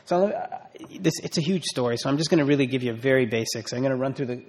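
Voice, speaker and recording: A man's voice: medium pitch, fast talker, a little mellow. A middle-aged man giving an informal talk, explaining an old story with many fillers and restarts. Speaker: guest speaker explaining a festival.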